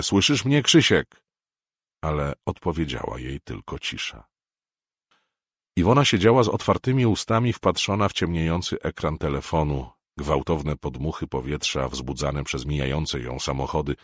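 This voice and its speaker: Very deep-voiced male audiobook narrator. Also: breathy edge, no echo, clean studio sound. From Poland.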